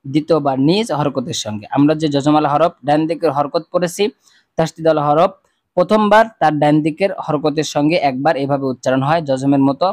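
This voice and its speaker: Male Quran teacher, slightly high voice, dry close mic, patient and repetitive, walks through each sound. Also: a little mellow. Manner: patient, repeats each rule and sound slowly for viewers to echo. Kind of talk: step-by-step recitation lesson.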